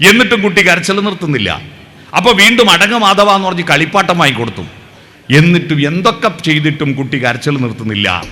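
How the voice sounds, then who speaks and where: A man's voice: a little high, quick pace. A middle-aged man giving a devotional speech, telling stories and breaking into song. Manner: animated storyteller, breaks into song. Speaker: devotional speaker. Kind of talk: devotional speech with sung verses.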